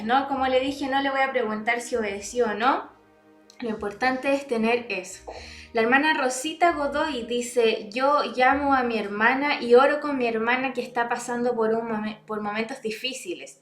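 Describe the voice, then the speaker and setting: A woman's voice: fairly high pitch, a bit bright. Woman preaching a sermon in a roomy church. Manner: reads out online comments and Bible verses, asks "¿cierto?" often.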